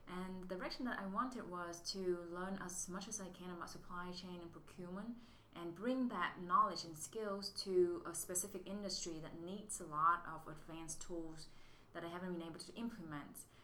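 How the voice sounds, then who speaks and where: A Vietnamese woman, a guest who is an MBA student, gives casual interview answers in an echoey room with faint noise. She sounds thoughtful, restarts often and uses non-native English phrasing. Her voice is lowish and sharp, at normal speed with few pauses.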